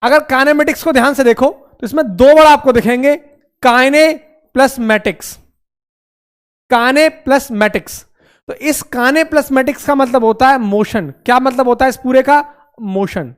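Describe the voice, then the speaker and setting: Guy teaching physics, high voice, keeps repeating stuff, quizzes then answers himself. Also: smooth. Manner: repetitive, calls students beta and mere bhai; asks questions and answers them himself. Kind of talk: classroom lecture.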